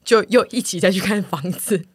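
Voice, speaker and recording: A woman's voice: mid-range voice, normal speed, breathy edge, no room sound, studio quality. A woman, co-hosting a podcast, animatedly retelling a quarrel and acting out both sides. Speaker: podcast co-host. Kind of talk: casual storytelling.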